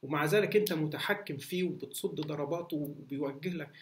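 With slight background noise, a man with an Egyptian Arabic accent speaks fast in a high-leaning voice. He's a martial arts instructor casually fielding viewer questions, stumbling through plenty of fillers and restarts.

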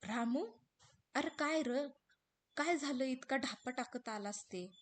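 A woman's voice: high voice, slow pace. A woman voicing a devoted young village wife in rural Marathi dialect, pleading and raised. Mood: alarmed. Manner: pleading, raised rustic speech.

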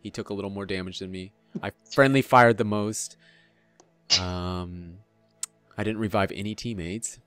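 A man giving casual, excitable commentary as he plays a shooter game with a friend. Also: on the low side, normal speed. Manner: excitable, loud reactions and laughter. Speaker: gamer host. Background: game music and gunfire.

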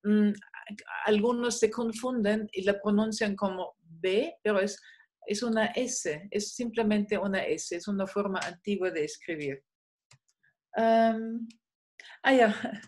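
A woman teaching German in an online video-call class, relaxed, with many fillers, slowly modelling German sounds. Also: medium pitch.

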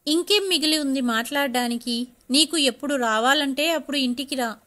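A woman's voice: high voice, normal speed, pushed and bright. A woman voicing an angry young husband who is cold and unforgiving.

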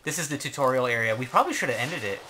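A man's voice: mid-range voice, expressive, racing, a crowd in the background. A man giving casual, joking, sweary commentary while he plays and hosts a let's play. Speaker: let's play host and player. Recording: loud game music behind.

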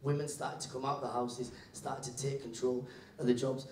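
Animated male stand-up comic in a roomy venue. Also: normal speed. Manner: animated storytelling, acting out characters. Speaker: stand-up comedian. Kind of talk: live stand-up comedy. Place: live comedy venue with audience. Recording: roomy venue, mic picked up from a distance, faint rumble.

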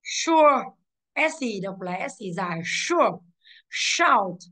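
A woman's voice: mid-range voice, lively intonation, unhurried, pushed and bright. A female English teacher going over exercises, explaining each answer and checking with the class, with English words in a Vietnamese accent. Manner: explains step by step, checks with "đúng không ạ".

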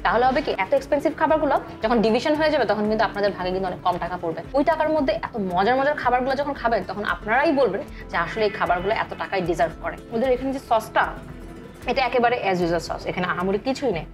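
Her voice is on the high side with lively intonation, and she delivers it rapid-fire over faint music. A Bangladeshi Bengali-accented food vlogger, she chats to camera in a restaurant, reviewing the food casually and slipping English words in.

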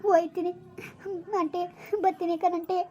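A woman's voice: extremely high pitch, flat delivery, moderate pace, mellow, a little hiss or hum. A woman playing a young village girl who begs to be taken home, in a family drama skit. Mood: pleading. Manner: begging, tearful pleading.

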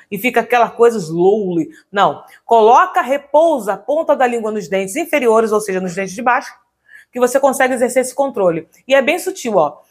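A woman giving an upbeat online singing lesson as a vocal coach, often checking in with her viewers. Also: a little high.

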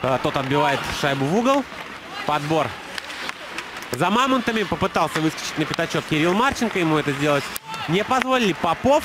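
A man giving excited live hockey commentary, exclamatory and fond of repeating his phrases. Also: on the high side, brisk, over a noisy crowd. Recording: clear rink noise behind commentary. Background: ice arena ambience.

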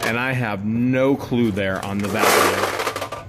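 A man narrating as he digs through boxes from a bought storage unit, casual and chatty, breaking into excited high exclamations over finds. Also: slow pace, heavy background noise. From United States. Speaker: storage unit reseller vlogger.

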